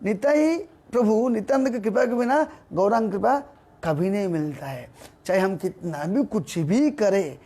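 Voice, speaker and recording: A man giving a devotional sermon, breaking into slow chanted verses between his explanations. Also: sits high, expressive, dark tone, breathy edge. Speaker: preacher.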